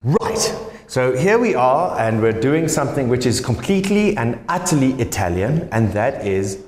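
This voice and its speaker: A man's voice: very animated, normal speed, darkish tone. A man hosting a comedy cooking show, joking around with a guest and laughing. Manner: playful, jokey, bursts into high squeals and laughter. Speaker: host. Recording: echoey hall.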